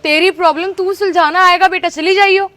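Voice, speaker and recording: A woman's voice: extremely high pitch, steady tone, a little fast, pushed and bright. A woman playing a rude, arrogant young woman who mocks and insults her elders in a short acted skit. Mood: contemptuous. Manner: sneering, mocking. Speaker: rude ex-girlfriend.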